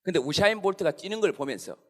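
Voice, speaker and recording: A man's voice: high voice, a little fast. A man giving a playful, satirical stand-up talk to a live audience in a large hall. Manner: animated, playful, quoting insults in mock voices. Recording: long hall reverb.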